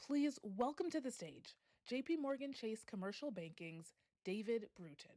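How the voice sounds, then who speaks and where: A woman announcer calling people to the stage in a slow, formal manner. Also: on the high side, animated, darkish tone. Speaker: event announcer. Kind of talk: voice-of-god announcements.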